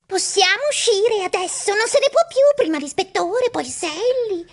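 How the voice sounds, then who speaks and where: A man voicing an excitable young female mouse in an audiobook, squeaky and excitable. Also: moderate pace. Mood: impatient.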